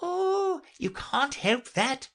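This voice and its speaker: Woman voicing a high, animated Cheshire Cat. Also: extremely slow, heavily acted. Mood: teasing, mad. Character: grinning Cheshire Cat, male-neutral, breezy, teasing and mad.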